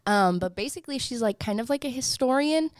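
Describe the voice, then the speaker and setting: A woman's voice: on the high side, lively intonation, brisk, no room sound, clean studio sound. A woman in her twenties co-hosting a podcast in casual chat, chatty and upbeat, often laughing. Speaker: podcast co-host.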